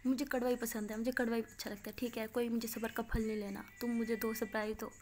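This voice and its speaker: A woman doing an impatient young woman who whines and begs. She complains with a slightly raised, pushy voice, the quick temper always close to the surface. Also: fairly high pitch, level tone, a little mellow, natural voice. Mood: pleading. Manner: whiny, complaining, pleading.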